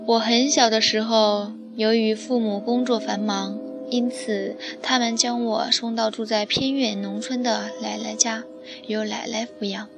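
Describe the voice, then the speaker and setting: A woman telling a first-person ghost story in a slow, measured way. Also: on the high side, steady tone. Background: background music.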